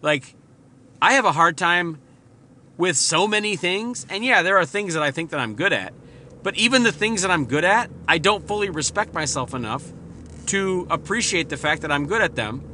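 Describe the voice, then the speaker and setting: Man, somewhat high voice, swears constantly, rambling solo podcast talk, traffic noise behind. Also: expressive, moderate pace, pushed and bright. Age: adult, married father. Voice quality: profane, rambling, self-deprecating. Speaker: podcast host. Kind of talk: casual solo monologue.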